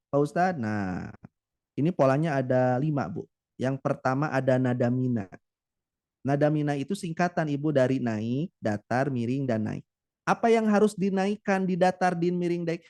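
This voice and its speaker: A man's voice: mid-range voice, darkish tone. A man teaching a Quran recitation class in a chatty way, often turning to address his students directly. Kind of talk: teaching a class, with sung demonstrations.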